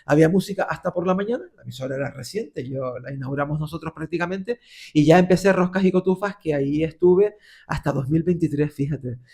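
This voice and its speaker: A man's voice: fairly high pitch, a little fast, creaky, breathy edge. A middle-aged man from Gran Canaria with a Canarian Spanish accent, a radio presenter telling stories as a podcast guest. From Las Palmas de Gran Canaria, Spain. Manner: animated storyteller, voices the people he quotes. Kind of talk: podcast interview storytelling.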